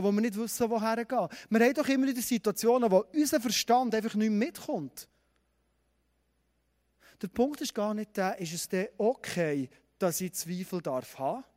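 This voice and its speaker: A man's voice: sits high, a little mellow. A man preaching a sermon, retelling a story and asking the congregation direct questions. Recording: long hall reverb.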